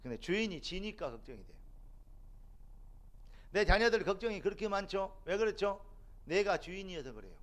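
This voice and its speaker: A middle-aged man preaching a sermon as a pastor in a church, building to loud, emphatic peaks. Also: high voice, sing-song, normal speed, long pauses. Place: church sanctuary.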